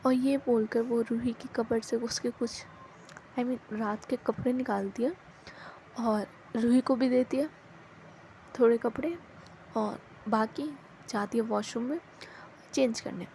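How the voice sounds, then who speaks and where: Casual female storyteller, fairly high and mellow, relaxed spoken narration with frequent self-corrections. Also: unhurried, creaky, pauses often, slight background noise, poor audio. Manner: mixes English words into speech, frequent self-corrections.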